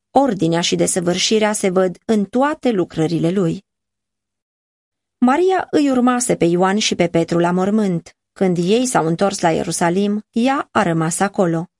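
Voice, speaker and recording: Female audiobook narrator, mid-pitch, measured and earnest, dry close-mic studio sound. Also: darkish tone, no room sound.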